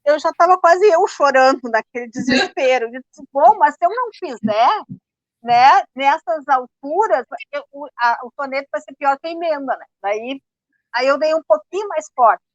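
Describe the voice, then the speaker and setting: A woman's voice: high voice, moderate pace, dry recording, lo-fi sound. A middle-aged woman, telling a family story in casual chat and acting out the dialogue. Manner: animated, acts out dialogue, many fillers. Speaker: study group participant.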